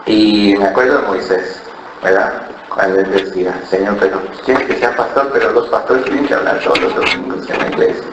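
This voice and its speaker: This brisk, somewhat low male voice belongs to a pastor preaching in church, born in Ecuador and raised in Colombia, with a Cali accent. He recounts a personal story, imitates other people's voices, and keeps asking "¿verdad?". The audio is lo-fi, with room echo and background noise.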